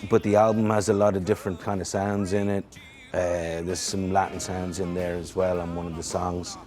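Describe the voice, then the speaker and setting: A man from Ireland with a Dublin accent, a musician answering interview questions in a relaxed, rambling way. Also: deep voice, normal speed, faint music behind. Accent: Irish, Dublin. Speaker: musician guest.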